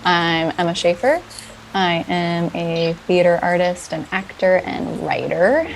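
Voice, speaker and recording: A woman's voice: on the low side, fairly even intonation, unhurried, gravelly, a little hiss or hum, rough recording. A woman, a theater actor and writer, telling an interview story expressively. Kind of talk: casual interview recollection.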